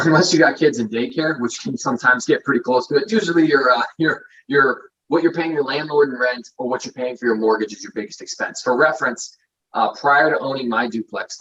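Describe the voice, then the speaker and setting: A guest investor in his thirties talks through figures with assurance during a relaxed interview. His voice is mid-range and a bit bright, and the audio sounds dull and lo-fi.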